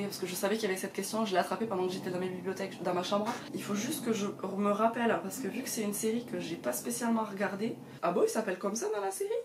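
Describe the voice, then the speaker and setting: A woman talks casually about her books, recorded at home. Her voice sits at an ordinary middle pitch, and her speech is loose and full of fillers and hesitant restarts. A faint room ambience sits under her voice. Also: a little hiss or hum. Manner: chatty, many hesitations and fillers. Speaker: book vlogger. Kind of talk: casual chat to camera.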